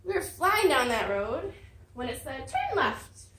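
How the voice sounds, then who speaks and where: A woman giving a prepared personal story speech at a speaking club, telling it with lively dramatic emphasis. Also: sits high, a little slow. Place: meeting room. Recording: roomy hall, mic at a distance.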